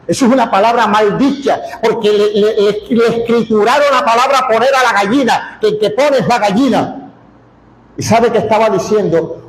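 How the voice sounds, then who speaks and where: A man's voice: high voice, a little mellow, roomy sound, slight background noise, low-quality recording. A man from Colombia preaching a sermon as pastor, folksy and joking, with emphatic repetitions.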